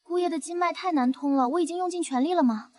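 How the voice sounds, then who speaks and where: A high, quick-talking young maid in a story drama, acted by a woman. She is devoted and eager, coaxing her master sweetly and whining a little. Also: a little mellow. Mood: whiny, worn out. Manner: coaxing, deferential.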